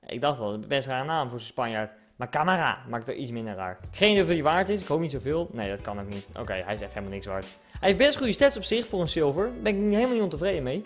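A young man commentating his own football video game play, excitable and swinging between low mutters and loud shouts. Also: quick pace, faint music behind. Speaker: gaming YouTuber. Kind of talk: live gameplay commentary.

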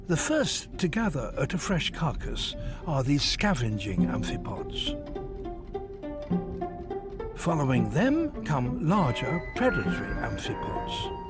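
A man's voice: fairly high pitch, huge pitch swings, slow. A man reading scripted narration for a nature documentary as its narrator. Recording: music behind the voice. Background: background music.

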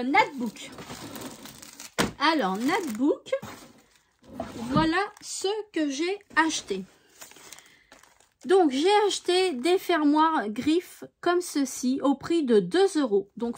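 Chatty high-voiced woman vlogger. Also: fairly bright tone, slight background noise. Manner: chatty, with frequent hesitations and "voilà". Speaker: craft vlogger. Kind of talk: casual haul show-and-tell.

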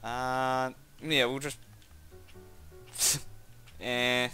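Man, gameplay commentator, slow easygoing delivery, giggly and rambling, loud outbursts, faint game music behind. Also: medium pitch, little pitch movement.

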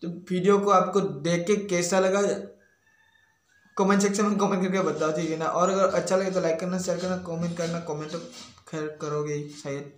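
A young man making a comic roast video, rambling excitably, cursing, and saying "yaar" at every turn. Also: high voice, fairly quick. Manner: rambling, excitable, swears, says "yaar" constantly. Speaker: YouTube creator. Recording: echoey room.

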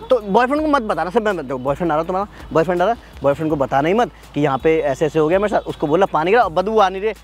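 A man's voice: high voice, animated, rapid-fire, hardly any pauses. A man pulling a street prank in a park, pleading and cheeky, talking over the woman he is teasing. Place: outdoors in a park. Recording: loud outdoor background noise.

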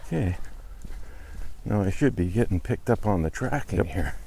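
Male walking vlogger, sixties, low voice, unscripted, thinking out loud while recording outdoors. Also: expressive, moderate pace, creaky, slight background noise. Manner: musing aloud to himself while walking. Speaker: vlogger testing camera gear. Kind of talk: casual off-the-cuff walking vlog. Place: outdoors on a wooded trail and roadside path. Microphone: wireless lapel mic and camera mic.

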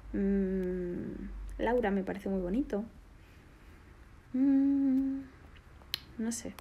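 A woman's voice: mid-range voice, dark tone, slight background noise. Giggly woman on a live stream. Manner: bubbly, giggly, affectionate. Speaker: singer doing a live stream. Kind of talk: casual live-stream Q&A, reading fan comments.

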